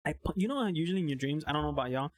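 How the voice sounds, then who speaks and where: Animated, swearing man telling a story. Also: on the high side, rapid-fire. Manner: animated, swears a lot, mixes in Spanish slang. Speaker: podcast guest. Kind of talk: casual storytelling chat.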